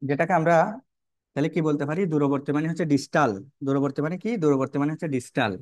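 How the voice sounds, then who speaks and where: A man's voice: on the high side, fairly even intonation, fast, darkish tone, dry recording. A man teaching a biology lesson while drawing, repeating key terms and often asking his students questions. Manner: repetitive, checks in with "কেমন?" and rhetorical questions.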